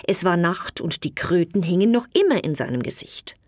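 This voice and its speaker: A woman reading a fairy tale aloud in slow, clear storybook narration. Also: lowish voice, no room sound. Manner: slow, clear storytelling with lively voiced quotes.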